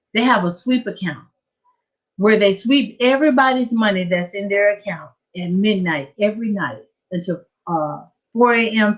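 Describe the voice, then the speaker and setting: A woman giving a lively testimony at a church prayer service, telling her story with animated energy. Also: medium pitch. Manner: lively storytelling, acting out her own excitement. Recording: dull lo-fi church livestream.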